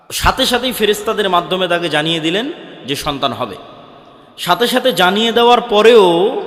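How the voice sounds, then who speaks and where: A man's voice: high voice, fairly bright tone. A man with a Bangladeshi Bengali accent preaching a sermon, asking questions and answering them himself. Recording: echoey hall.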